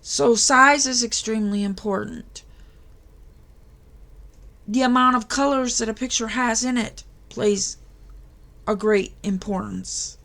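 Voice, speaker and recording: A woman's voice: fairly high pitch, takes it slowly, vocal fry, pauses often, fairly bright tone. A tired woman hosting a crafting channel, talking casually to her viewers late at night. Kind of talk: casual tutorial talk to viewers.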